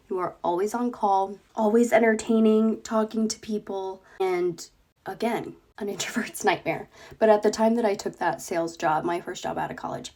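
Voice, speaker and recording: A woman's voice: mid-range voice, darkish tone. Congested woman chatting in a vlog. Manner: chatty, candid, laughs often. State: congested with a cold. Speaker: vlogger. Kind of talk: casual vlog talk to camera.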